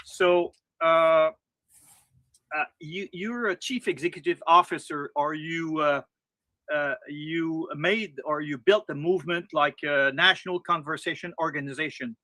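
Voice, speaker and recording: Bright, high-voiced Quebec French man interviewing. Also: dry recording. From Quebec, Canada. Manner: halting, searching for words in English. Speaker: interviewer, channel host.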